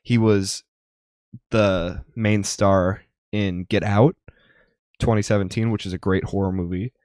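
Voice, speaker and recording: A man's voice: fairly low pitch, steady tone, a little slow, a little mellow, no room sound, clean studio sound. A young man co-hosting a podcast, chatting casually and rambling with lots of ums. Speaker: podcast co-host. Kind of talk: casual chat.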